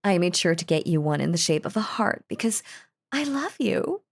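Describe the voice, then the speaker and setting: In a full character voice that is lowish, sing-song, and gravelly, a voice actress portrays a lovestruck, possessive yandere wife, a sweetly menacing crazy stalker, in an intimate audio roleplay. Speaking at a normal pace, she is affectionate and spoiling, gushing over him in a doting, cheerfully unhinged way.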